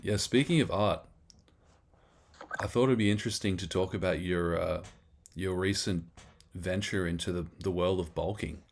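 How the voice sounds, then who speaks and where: A man's voice: deep voice, normal speed, creaky, pauses often, slight background noise. An Australian man hosting a casual chat, laid-back and joking. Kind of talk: casual conversation.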